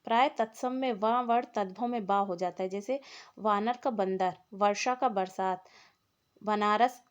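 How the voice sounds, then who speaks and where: A woman's voice: medium pitch, measured pace, dull audio. A woman teaching an exam-prep lesson, explaining points one by one and reading out lists of words. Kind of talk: exam-prep lecture on Hindi linguistics.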